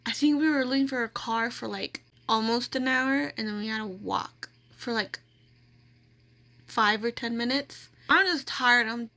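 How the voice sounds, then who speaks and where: A woman's voice: fairly high pitch, measured pace, pushed and bright. A woman vlogger casually telling a personal story, rambling with lots of "like" fillers and restarts.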